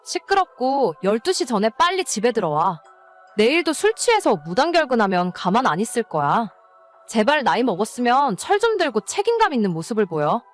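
A woman's voice: on the high side, big pitch swings, a little fast, faint music behind. A woman playing an exasperated, nagging wife in a scripted dramatized story. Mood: scolding. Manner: nagging, scolding. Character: exasperated, scolding wife of an irresponsible husband. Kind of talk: scripted story narration and dialogue.

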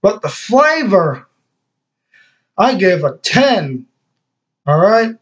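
A man's voice: sits high, very animated, extremely slow, muffled recording. A man giving a rambling casual vlog review while talking with dip in his lip, laughing at his own jokes. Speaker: product reviewer.

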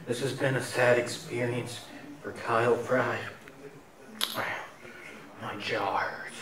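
A man's voice: medium pitch, steady tone, slow pace, reverberant, far from the mic, a crowd in the background. A man doing a parody food review, talking muffled through a face mask with mock-melodramatic complaints. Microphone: head-mounted camera.

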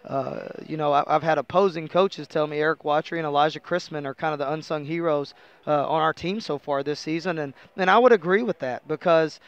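A clear, resonant, slightly high voice comes through a muffled recording as a middle-aged American man talks a little fast. The basketball coach is explaining things casually in a postgame interview at an indoor arena table, using a headset mic and saying "you know" a lot.

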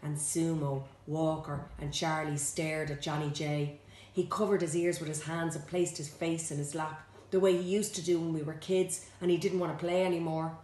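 A woman reading aloud from her own children's book, lively and expressive, jumping higher for the characters' lines. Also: moderate pace, reverberant. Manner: lively, swoops high for quoted characters. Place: home.

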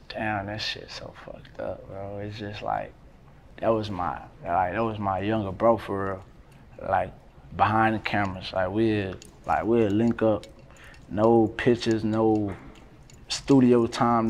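A young man in his twenties with a drawl speaks in a low voice, loose and full of slang and fillers. He sits indoors by a brick wall, and a faint room hum sits behind him. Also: unhurried. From North Carolina, USA. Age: 20s. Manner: relaxed slangy talk, many fillers. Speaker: rapper, interview guest. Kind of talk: casual interview talk.

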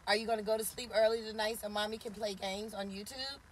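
A little hiss or hum sits under this casual parked-car live stream, recorded on a phone held at arm's length. The host, a woman in her forties, speaks fast in a mid-range, fairly even voice, chatting, teasing, and naming viewers.

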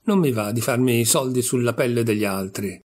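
A man's voice: mid-range voice, a little fast, a little mellow, natural voice. A man voicing a polite, obliging young waitress who is new on the job in a storybook reading. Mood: courteous.

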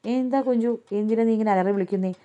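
A woman's voice: lowish voice, quick pace, muffled recording, close to an everyday voice. Scolding mother, read by a woman. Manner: scolding, loud. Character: scolding mother of a lazy girl.

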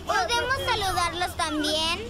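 A female performer voicing an eager little girl piglet in a children's cartoon, with loud noise behind. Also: very high voice, measured pace, over a noisy crowd. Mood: curious.

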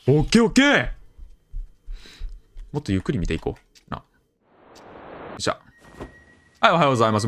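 A young man with a Kansai accent commenting on a horror game as he plays, chatty and jokey, with sudden loud outbursts. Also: medium pitch. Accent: Kansai Japanese. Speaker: game streamer.

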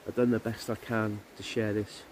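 A man's voice: fairly low pitch, flat delivery, normal speed, slight background noise. A man, chatting casually to camera at a woodland camp, easygoing and full of ums. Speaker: outdoor camping vlogger. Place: woodland camp outdoors by a river.

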